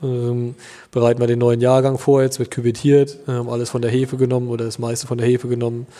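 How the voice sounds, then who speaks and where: Man in his thirties, flat hesitant talk. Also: mid-range voice, fast, long reverb tail. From Germany. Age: 30s. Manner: relaxed, hesitant with many fillers. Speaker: winemaker. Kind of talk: casual interview answers.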